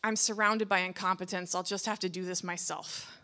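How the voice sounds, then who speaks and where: A woman's voice: fairly high pitch, lively intonation, a little slow, sharp tone, full character voice. A woman voicing a mighty, grumpy male sultan in a spoken storybook tale, barking curt orders. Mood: exasperated.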